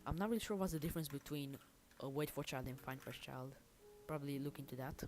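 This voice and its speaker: Her very deep, slightly mellow voice stays fairly even in intonation and moves at a quick pace, with slight background noise. This livestreamer and hobby game developer chats casually as she works, thinking aloud in a self-deprecating, informal manner over background music and typing.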